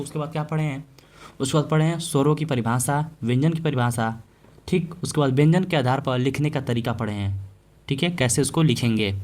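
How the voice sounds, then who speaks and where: A male teacher giving an exam-prep Hindi grammar lesson, repeating example words slowly and asking the class questions he then answers himself. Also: mid-range voice, darkish tone.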